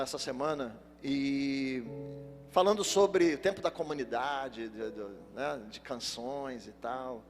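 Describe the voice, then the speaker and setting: A male pastor giving a sermon, telling funny personal stories and speaking straight to the congregation in a lively way. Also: medium pitch. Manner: lively storytelling, addresses the congregation directly. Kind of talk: sermon with humorous personal anecdotes. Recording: long church-hall reverb with faint music.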